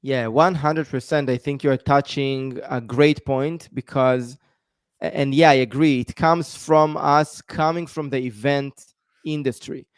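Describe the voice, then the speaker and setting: A man's voice: medium pitch, fairly even intonation, unhurried, clear, resonant tone, no room sound, studio quality. A man, a guest explaining at length in a live-stream interview with many ums. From Israel. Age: 30s. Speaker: guest, tech founder.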